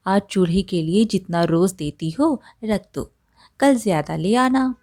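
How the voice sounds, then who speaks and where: A woman's voice: medium pitch, measured pace, no room sound, studio quality. Woman voicing a kind young village bride. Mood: caring. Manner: gentle and caring.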